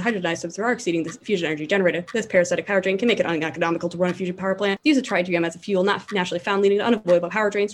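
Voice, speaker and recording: A young woman putting on an ad-warning voice that tears through a list of side effects at breakneck speed. Her voice sits fairly low, with a faint hiss in the background. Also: close to an everyday voice. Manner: rushed disclaimer reading.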